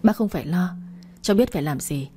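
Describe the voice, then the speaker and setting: A woman voicing a calm, scheming young man with a quietly sardonic way of speaking. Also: on the low side, fast, husky.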